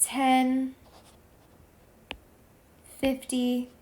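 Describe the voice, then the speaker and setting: A woman's voice: high voice, monotone, extremely slow, darkish tone. A woman teacher from Texas explaining a lesson patiently, step by step, as a voice-over for a whiteboard video. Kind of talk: slow explanatory lesson narration.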